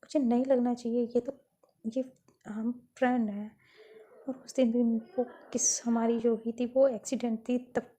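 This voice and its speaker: A woman's voice: a little high, flat delivery, normal speed, mellow. A woman telling a school romance story in a casual spoken way, retelling each character's lines with "so she says" and frequent restarts.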